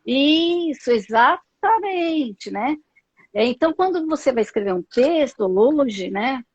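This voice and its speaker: Her voice sits high and is slightly rough, with lively intonation and a slow pace. She's a psychologist guest with a Brazilian Portuguese accent, reflecting carefully on a live video call with many fillers and tag questions, captured in dull lo-fi audio without room sound.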